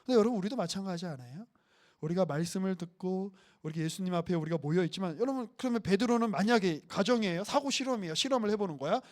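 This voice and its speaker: A man's voice: high-pitched, fast. A man preaching a casual, conversational sermon who asks the congregation questions. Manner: animated, acts out voices of Jesus and Peter, asks the congregation questions. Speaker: pastor.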